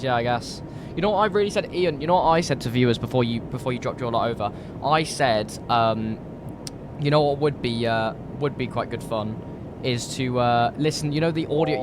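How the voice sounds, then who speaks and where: British male streamer, a little croaky with a cold, chatty and informal over clear rumbling background noise. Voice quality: slightly croaky. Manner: chatty, informal, thinking aloud. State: recovering from a cold. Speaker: live streamer. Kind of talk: casual live stream chat while flight simming.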